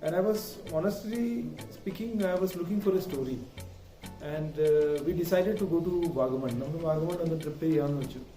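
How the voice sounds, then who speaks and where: A man's voice: on the high side, slow pace, dark tone. A man with a Malayali accent presenting a casual vlog, switching mid-sentence between Malayalam and English. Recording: roomy, distant mic with music behind.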